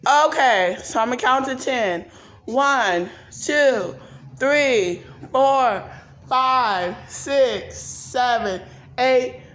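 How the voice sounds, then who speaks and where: Walking an empty house with a handheld phone, a young woman records a playful hide-and-seek game as a casual vlog. She has a mid-range, fairly bright voice and a teasing, sing-song manner.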